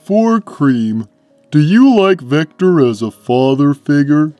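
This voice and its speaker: Big gentle male cartoon cat played by a woman: low, mellow, guileless, simple, close dry sound. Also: animated, slow pace, dry recording, soft background music. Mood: innocent. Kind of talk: in-character cartoon Q&A.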